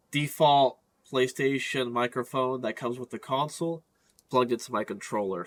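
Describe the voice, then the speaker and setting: A man with a cold and a stuffed-up nose, explaining a gaming setup in a casual, halting walkthrough with frequent fillers. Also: mid-range voice, fairly bright tone.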